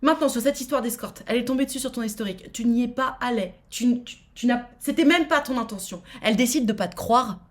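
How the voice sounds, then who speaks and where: A woman streamer giving frank advice live, reading out viewer messages, blunt and outspoken with plenty of swearing, quick to get worked up. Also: fairly high pitch.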